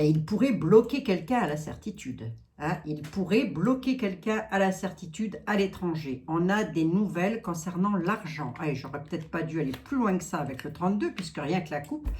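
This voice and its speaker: Woman, card reader, casual chat to viewers, lively pitch, lower voice. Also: normal speed. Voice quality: chatty, talks to viewers, many asides and "hein". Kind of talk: casual card-reading livestream.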